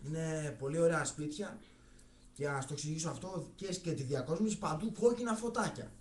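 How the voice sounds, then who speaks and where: A young man telling crude jokes in a rambling, swearing way, with many restarts. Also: a little high. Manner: rambling, swears often, repeats "well". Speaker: joke teller. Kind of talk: casual joke telling. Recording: echoey room, faint noise.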